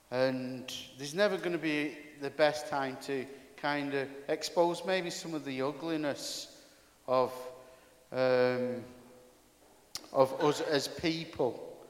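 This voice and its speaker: A pastor preaching a sermon to his congregation in a chatty, candid, self-deprecating way, his voice carrying a big hall echo. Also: medium pitch. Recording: echoey hall with long reverb.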